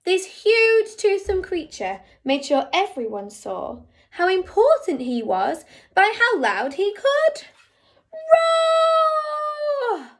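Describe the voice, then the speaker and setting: Slow, lively woman reading a picture book. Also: very high voice. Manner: animated, rhythmic rhyming delivery. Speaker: teacher reading aloud.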